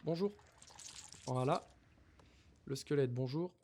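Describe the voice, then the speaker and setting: A man's voice: mid-range voice, slow, dark tone, slight background noise. A man giving casual commentary on his Minecraft playthrough, talking to the mobs and to viewers, repeating nervous exclamations in tense moments. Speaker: gaming YouTuber.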